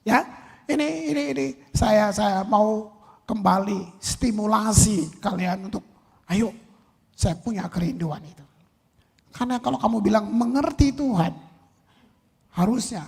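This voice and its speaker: A male pastor preaching a sermon, firing rhetorical questions and swinging between loud and soft. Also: sits high, measured pace, creaky, long pauses, husky. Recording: long reverb in a large hall.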